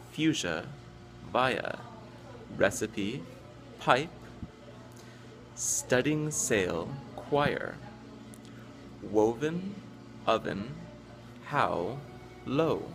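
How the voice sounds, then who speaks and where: A man with an American accent, an English teacher reading a poem aloud slowly and deliberately, word by word. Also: medium pitch. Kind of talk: slow careful poem reading.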